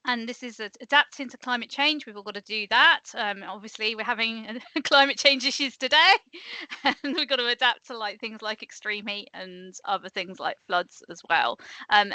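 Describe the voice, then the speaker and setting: A woman reading out news and events on a webinar over a video call, brisk and light. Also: a little high, bright, forceful tone, no room sound, poor audio. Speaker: webinar co-presenter.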